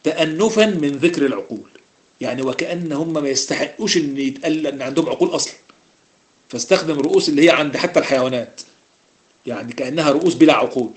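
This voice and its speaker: A middle-aged man with an Egyptian Arabic accent explains scripture in a lively religious lesson, firing rhetorical questions and restarting his sentences. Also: a little high, very fast. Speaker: preacher explaining Quran verses. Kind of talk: religious lesson in colloquial speech.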